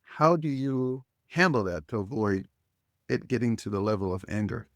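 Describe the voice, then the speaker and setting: A man hosting an interview, asking measured questions. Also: on the low side, animated, no echo. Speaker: podcast host.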